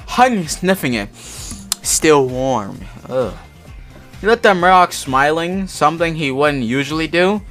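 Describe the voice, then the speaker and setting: Over background music, a man with a slightly bright, higher voice reads fan fiction aloud as an amateur, tossing in mocking asides. He swears often and stumbles over the text during the casual read.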